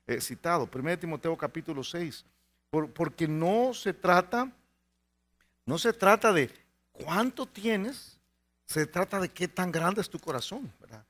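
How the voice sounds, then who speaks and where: A male pastor preaching with a lively, high-set voice that swings widely in pitch. He keeps turning to the congregation with rhetorical questions and acts out the people in his stories. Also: normal speed. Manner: animated preaching, acts out quoted voices in anecdotes; frequent rhetorical "¿verdad?" asides to the congregation. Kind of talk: sermon.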